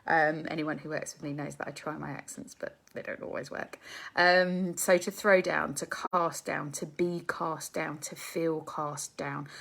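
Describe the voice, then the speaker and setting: A woman of around forty speaks in a low voice with a gravelly fry. She is a psychotherapist hosting a casual live stream. She thinks aloud, full of ums and questions put to her viewers.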